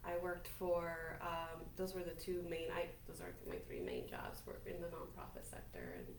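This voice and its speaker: A woman's voice: lowish voice, wildly swooping pitch, normal speed, vocal fry, recorded from a distance. A woman in her forties, a native Spanish speaker from Colombia, telling her life story as a podcast guest in a chatty, upbeat, self-assured way. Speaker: podcast guest, business owner. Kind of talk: casual interview talk. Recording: roomy, from off-mic, faint hiss.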